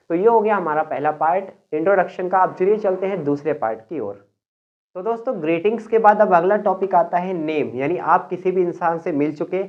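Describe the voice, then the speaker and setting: A man from Uttar Pradesh, India, giving a spoken English lesson. He explains step by step and slows down to model each phrase. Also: fairly high pitch. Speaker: English teacher. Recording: tinny phone-like sound.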